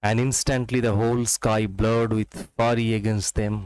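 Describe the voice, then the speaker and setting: A man with a Bengali accent teaching English literature for exams, reading quotations slowly and explaining quickly in Bengali mixed with English. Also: medium pitch, flat delivery, a little mellow, smooth, no echo, rough recording. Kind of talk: exam-prep literature lesson.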